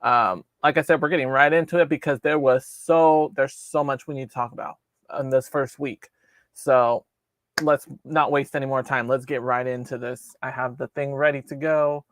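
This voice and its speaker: A young man casually hosting his own live-stream recap show, talking in a chatty way with fillers and quick restarts. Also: medium pitch, steady tone, fairly bright tone, dry recording.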